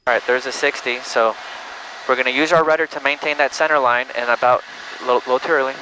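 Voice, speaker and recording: A man works as a flight instructor, talking a student through each step in plain, informal language. His voice is mid-pitched and comes over a headset, with clear engine and cockpit noise behind it. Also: fairly even intonation, fairly quick, rough recording. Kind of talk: hands-on instruction during a flight. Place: small airplane cockpit in flight. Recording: loud engine noise in small aircraft.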